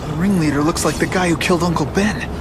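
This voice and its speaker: A man's voice: fairly high pitch, quick pace, background noise, close to an everyday voice. A man playing a young American superhero in a video game, grieving, determined and wisecracking. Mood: focused. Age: young adult. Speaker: main character and narrator. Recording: loud film-style music behind the voice.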